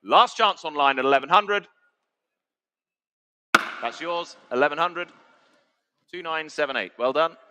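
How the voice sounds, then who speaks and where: A man's voice: a little high, unhurried, pauses often, sharp tone, a little hiss or hum. A British man working as an auctioneer, calling bids in a conversational way and repeating the figures. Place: auction sale room.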